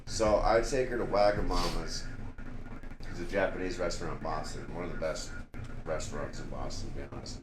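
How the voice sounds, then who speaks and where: Lowish-voiced guy telling a wild story. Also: steady tone, a little fast. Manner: swearing, laughing storyteller. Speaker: podcast guest. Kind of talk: casual storytelling chat. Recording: roomy with background noise.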